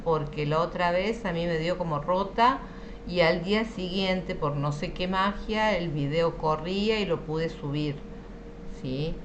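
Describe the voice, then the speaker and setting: Her voice fairly low but a bit bright, an Argentine woman runs an online French lesson, patiently walking students through the material and often making sure they follow. Slight background noise can be heard.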